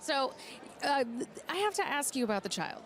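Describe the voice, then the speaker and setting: Upbeat high-voiced woman hosting. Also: very animated, normal speed, crowd noise. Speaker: red carpet live show host. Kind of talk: upbeat live interview chatter.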